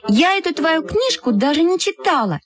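A woman voicing an indignant schoolgirl who yells back. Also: sits high, big pitch swings, moderate pace, soft background music, voice pushed up. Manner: loud, indignant. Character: indignant schoolgirl Lyuska, quick to yell.

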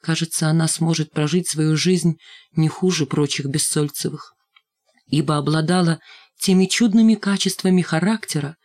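A woman narrating a children's story in a first-person, measured, storytelling manner. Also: on the low side, darkish tone. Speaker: audiobook reader. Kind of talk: scripted narration.

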